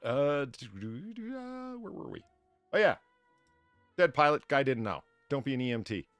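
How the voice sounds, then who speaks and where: A man's voice: medium pitch, very animated, normal speed, fairly bright tone, clear, resonant tone, no echo, faint music behind. Rambling, profane male podcast host. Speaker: podcast host reading donations. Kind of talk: casual livestream banter.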